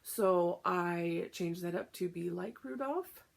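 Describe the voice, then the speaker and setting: Breathless woman with a gravelly voice. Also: lowish voice, takes it slowly. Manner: chatty, lots of "um" fillers. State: short of breath. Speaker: cross-stitch vlogger. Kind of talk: casual show-and-tell chat.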